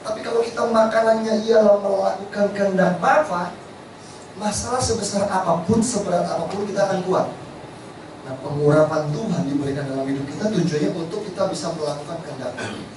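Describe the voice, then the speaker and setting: Lively pastor in an echoey hall. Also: male voice, sits high, fairly quick. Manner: lively storytelling, addresses congregation as Bapak Ibu. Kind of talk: sermon. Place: large church hall. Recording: echoey hall, distant mic, background noise.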